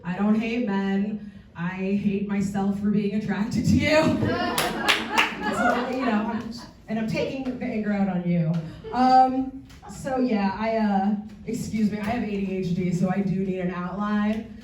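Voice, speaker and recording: A woman comic in her 40s performs a bawdy stand-up set on a comedy theatre stage before a live audience, delivering deadpan punchlines and chatty asides full of ums. Her medium-pitched voice is a little slow, recorded from a distance in an echoey room with background noise.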